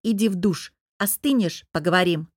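A woman voicing a blunt young female friend, hungover and hoarse, who scolds and grumbles in an audiobook. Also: sits low, steady tone, fairly quick, dry recording, clean studio sound, pitched below the performer's own voice, lightly acted. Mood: curt. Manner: brusque, scolding.

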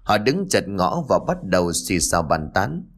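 Low-voiced man narrating a ghost story. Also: moderate pace. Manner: expressive storytelling, dramatic rise and fall. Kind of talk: scripted narration.

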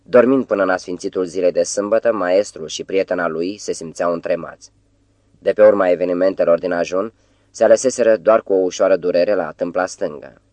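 Deep-voiced male audiobook narrator. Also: steady tone, a little mellow, no room sound. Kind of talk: scripted narration.

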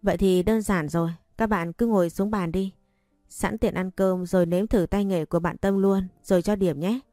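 A woman voicing a calm, fair female schoolteacher in a storybook reading, gentle and patient. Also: medium pitch, moderate pace, dry recording, studio quality, soft background music, natural voice.

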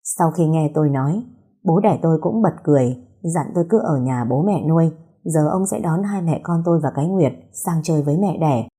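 Woman narrator, scripted story, low pitch, husky. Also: fairly quick, dark tone.

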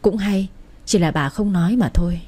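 A woman narrating a family drama story in a steady, even-paced reading. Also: mid-range voice, normal speed, slightly rough.

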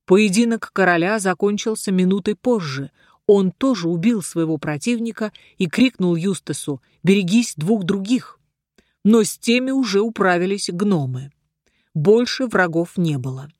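An audiobook reader narrating a fantasy story in an even, measured storytelling manner. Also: medium pitch, dry recording, clean studio sound. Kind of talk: scripted narration.

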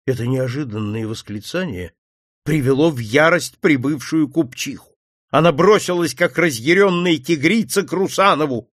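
A man reading a classic detective story aloud in an expressive, theatrical way. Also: a little high, normal speed, no room sound, studio quality. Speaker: narrator.

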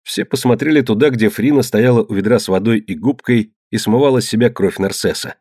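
A man narrating an adventure novel in a low, measured storytelling voice. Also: darkish tone, dry recording, clean studio sound. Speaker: audiobook narrator. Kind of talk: scripted narration.

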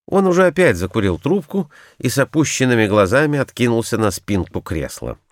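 A man narrating a classic detective audiobook in a measured, clearly articulated reading. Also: medium pitch, big pitch swings, no room sound, studio quality. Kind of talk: scripted literary narration.

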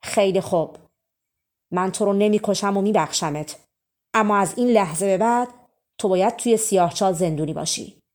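A woman's voice: mid-range voice, darkish tone, natural voice. Storybook king, a man of authority, stern and commanding, as a woman reads him. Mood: relenting.

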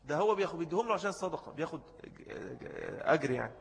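A man with an Egyptian Arabic accent teaches a religious jurisprudence lesson at a quick clip, his voice pitched a little high. He repeats his key points and stops to answer students. The sound trails off in a long hall reverb. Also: animated, creaky, slight background noise.

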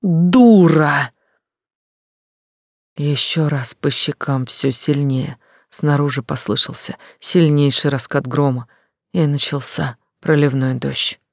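First-person story narration, dramatic, emotional, dry close sound, middle pitch. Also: level tone, unhurried, gravelly, no echo. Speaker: audiobook narrator.

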